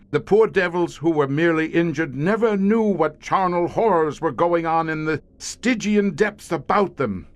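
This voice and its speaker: Voicing a grim, veteran head of a secret squad of monster hunters in an audio horror drama, this male actor uses a medium pitch close to his everyday voice. He narrates in a deliberate, erudite, brooding manner, sounding horrified and intense.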